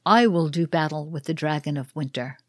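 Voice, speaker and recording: A woman voicing the Green Man of Spring, a solemn heroic champion, declaiming slowly in a read-aloud ritual play. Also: deep voice, no room sound, studio quality.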